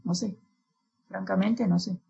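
A woman's voice: medium pitch, steady tone, a little slow, vocal fry, warm tone, dull audio. A woman teacher speaking in a discussion, weary and frank, trailing off at the ends of sentences. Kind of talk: casual debate talk.

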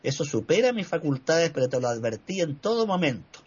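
A patient, soft-spoken dervish, as a storyteller puts him on, with a husky edge to a slightly high voice. He is heard in a slightly muffled recording. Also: big pitch swings, fairly quick. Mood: calm. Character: wise calm male dervish, gently patient.

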